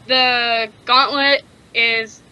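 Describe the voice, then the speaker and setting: Young female podcast co-host, bright voice, relaxed um-filled explainer. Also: a little high, extremely slow, clear, resonant tone, rough recording. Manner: easygoing, um-heavy explainer. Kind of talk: casual podcast chat.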